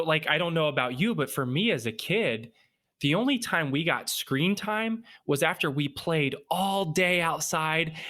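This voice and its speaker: A man's voice: fairly high pitch, bright, forceful tone. A man in his thirties, a podcast guest, explaining his views confidently and with emphasis in casual conversation. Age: 30s.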